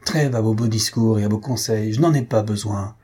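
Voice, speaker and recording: A man's voice: fairly low pitch, brisk, dark tone, breathy edge. A man voicing a distraught, jealous young baron who speaks in agitated exclamations.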